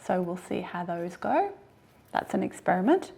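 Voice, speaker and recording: An Australian woman with a husky, hoarse voice today, chatting casually to camera about her garden, self-deprecating and laughing often. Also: on the low side, sing-song, normal speed, dark tone. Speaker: gardening vlogger.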